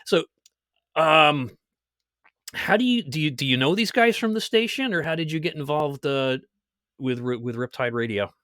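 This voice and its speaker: A man hosting a podcast, telling stories in a lively casual way and laughing at his own jokes. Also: a little high, moderate pace, no room sound, clean studio sound. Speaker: podcast host. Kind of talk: casual chat.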